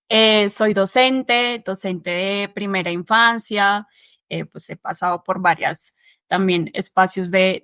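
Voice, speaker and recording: A woman from Bogotá with a Bogotá Spanish accent, a teacher giving her testimony in an interview, telling it in a lively way and quoting the dialogue quickly. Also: mid-range voice, no room sound, clean studio sound. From Bogotá, Colombia. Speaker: interview guest, early-childhood teacher. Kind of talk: conversational testimony.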